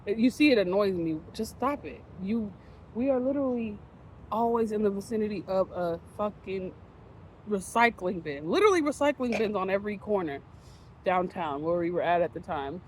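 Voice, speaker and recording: A woman talks straight to the camera between bites of food, swearing freely and laughing at her own rants. Her voice sits at an ordinary middle pitch. Faint outdoor noise hums behind her. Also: expressive, normal speed, darkish tone, rough recording. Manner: frank, profane and laughing rant. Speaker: vlogger. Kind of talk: casual chat to camera while eating.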